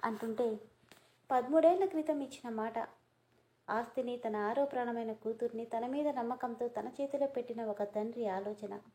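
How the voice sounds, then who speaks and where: Woman reading a story, dark mellow voice. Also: on the high side, moderate pace. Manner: reads all the dialogue in her own voice.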